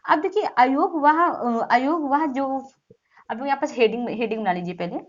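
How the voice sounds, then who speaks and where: Woman, high voice, grammar teacher, repeats and quizzes, dull lo-fi sound. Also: moderate pace. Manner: repetitive, quizzing students and answering herself. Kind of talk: exam-prep grammar lesson.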